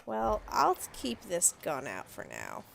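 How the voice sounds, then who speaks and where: Slow, gravelly woman streamer. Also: on the low side, huge pitch swings, a bit bright, a little hiss or hum. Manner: dry, wry asides. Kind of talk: casual gameplay commentary.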